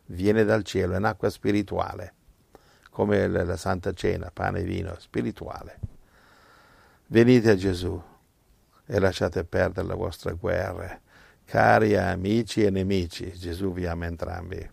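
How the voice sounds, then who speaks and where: Male preacher, deep and slow, fiery sermon delivery. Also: steady tone, vocal fry, breathy edge, no room sound. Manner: impassioned, swinging from low murmurs to loud exclamations. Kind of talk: evangelical sermon.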